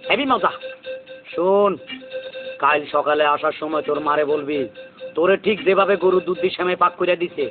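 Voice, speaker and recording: A high-voiced man plays a bossy, food-greedy music teacher in a comedy skit. The sound is thin and phone-like, with loud music behind him. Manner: bossy, greedy, sings off-key in a drawn-out way. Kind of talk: comic skit acting. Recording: tinny lo-fi audio with loud music.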